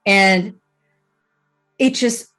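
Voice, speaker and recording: A woman's voice: medium pitch, drawn-out words, pushed and bright, faint music behind. A woman hosting a podcast interview, telling a personal story in a chatty way with frequent restarts and laughs. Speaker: podcast host. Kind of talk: casual conversational interview.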